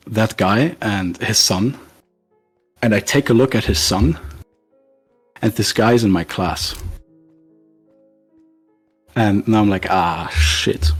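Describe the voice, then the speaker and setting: Low husky young guy just telling a story casually, bit of music in the background. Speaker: viewer telling a story on a call-in show.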